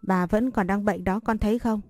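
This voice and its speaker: A woman reading a story voicing a cold, stern young husband who asks sharp questions. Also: medium pitch, fairly even intonation, moderate pace, no room sound, clean studio sound, natural voice.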